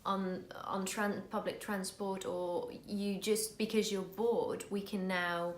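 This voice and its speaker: A woman's voice: mid-range voice, little pitch movement, slow. Woman, 30s, native Dutch, from the Netherlands; earnest casual vlog host, mid-range voice, roomy echo. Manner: earnest, restarts words often.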